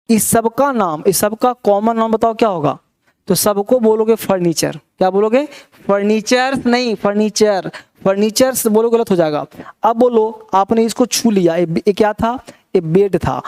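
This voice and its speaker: A middle-aged man teaching English grammar in a classroom, who keeps asking quick questions and mixes in English terms. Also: high-pitched, darkish tone, smooth. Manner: coaxing, asks many quick questions. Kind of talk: classroom lecture.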